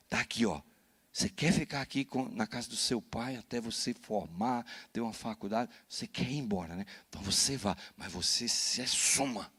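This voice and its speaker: A Brazilian man, a pastor, telling a personal story in a sermon, animated and often adding "né?" to his lines. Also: lowish voice, breathy edge. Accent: Brazilian Portuguese. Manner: animated storytelling with frequent "né?" tags. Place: church.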